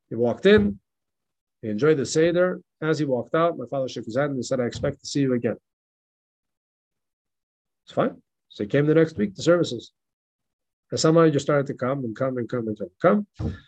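A man, a rabbi, teaching a Passover class with animated, emphatic repetition and stories. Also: a little high, moderate pace, poor audio. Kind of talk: Passover class reading and storytelling. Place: synagogue in El Paso.

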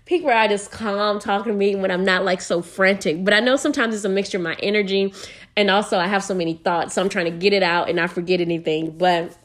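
A woman's voice: medium pitch, fast. Chatty profane American woman podcaster. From United States. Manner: frank, profane, chatty and energetic. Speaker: podcast host. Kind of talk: casual solo podcast monologue.

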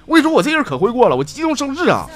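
A man's voice: very fast, soft background music. A man, hosting a show and telling listeners' jokes in a playful comic storytelling manner. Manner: lively, playful, swings pitch for effect. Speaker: host reading listener jokes.

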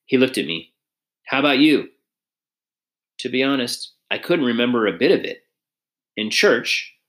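Man reading a story in a bright tone. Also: on the low side. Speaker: audiobook reader. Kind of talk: first-person storybook narration.

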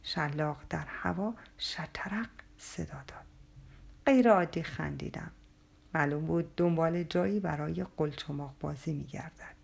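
A woman narrating a story with a breathy, half-whispered, dramatic delivery. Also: low voice.

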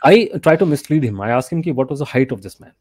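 A man's voice: mid-range voice, animated, fast, darkish tone, no room sound, clean studio sound. A middle-aged man with a North Indian accent telling stories as an interview guest, repeating himself and often saying "you know". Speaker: interview guest, journalist and author. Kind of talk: casual interview, storytelling.

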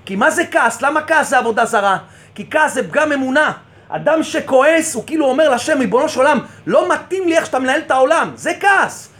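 A rabbi giving an impassioned sermon, asking rhetorical questions and repeating phrases for emphasis. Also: male voice, extremely high pitch, expressive, fairly bright tone.

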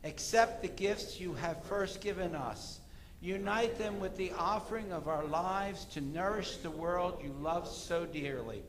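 A man speaking as a pastor, leading formal prayers and liturgy in a measured, ceremonial way at a church service. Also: high-pitched, rough recording. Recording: background noise, church room ambience.

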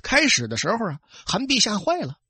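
Lively, husky male storyteller. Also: high-pitched, a little fast, no echo. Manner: lively, conversational, addressing listeners. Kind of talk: traditional oral storytelling.

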